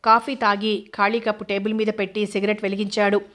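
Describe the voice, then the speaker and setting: A woman reading a novel aloud as narrator, in a steady, even storytelling manner. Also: medium pitch, fairly quick. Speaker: audiobook narrator.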